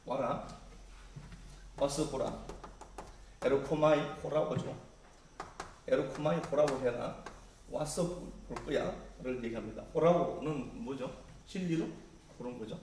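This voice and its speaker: A man's voice: medium pitch, a little slow, darkish tone, a little hiss or hum. A man preaching in Korean as a pastor, reading scripture and then retelling it in casual, conversational speech. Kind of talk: sermon. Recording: echoey room, mic far off, faint ambience.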